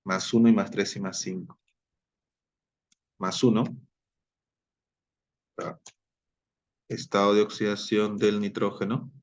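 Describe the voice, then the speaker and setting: A man's voice: fairly low pitch, little pitch movement, takes it slowly, pauses often. A man teaching a chemistry lesson, explaining step by step, repeating key terms and checking in with his students.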